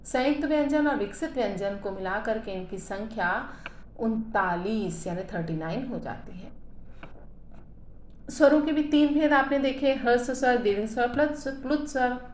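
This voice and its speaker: A woman's voice: a little high, lively intonation, moderate pace, a little mellow. Woman teaching grammar in an echoey room. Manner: explanatory, checks in with listeners often, models sounds aloud for repetition. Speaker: school Hindi teacher. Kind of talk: classroom grammar lesson. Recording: echoey room with faint ambient noise.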